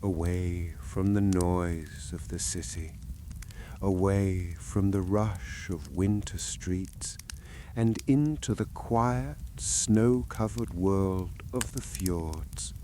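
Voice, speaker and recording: Very slow, deep-voiced male sleep story narrator. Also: a little hiss or hum. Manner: hushed, gentle, calming delivery with long pauses. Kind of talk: soothing scripted sleep story and guided relaxation narration.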